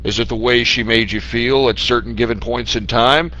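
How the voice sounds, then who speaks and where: A man's voice: mid-range voice, fairly even intonation, moderate pace, sharp tone, highs cut off. A man in a voice chat room asking probing questions, often stammering and repeating words. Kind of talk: casual chat.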